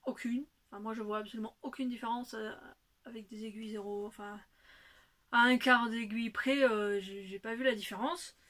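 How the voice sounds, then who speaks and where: A woman's voice: on the high side, steady tone, fairly quick, fairly bright tone. A woman with a slightly raised voice, chatting casually as host of her own knitting show. She rambles freely and stops often to hunt for words. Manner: rambling, chatty, full of hesitations. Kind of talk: casual chat.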